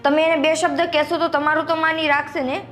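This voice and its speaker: Woman playing a young daughter-in-law, high voice, sharp and complaining, faint music behind. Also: little pitch movement, quick pace. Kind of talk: family drama acting.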